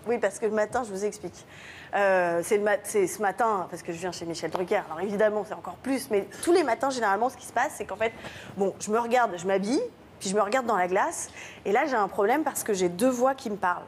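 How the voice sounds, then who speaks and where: A woman's voice: mid-range voice, fast, slight background noise. A woman comedian telling chatty comic anecdotes as a guest on a TV talk show set, with frequent fillers. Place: TV studio set with audience.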